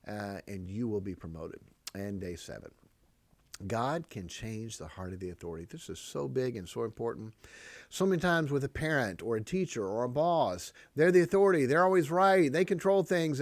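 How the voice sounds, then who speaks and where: A man's voice: on the low side, dry recording. A man hosting a parenting podcast, teaching proverbs in an emphatic, repetitive way and chuckling often. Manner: emphatic, repeats key phrases, chuckles often. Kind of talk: preachy parenting talk on proverbs.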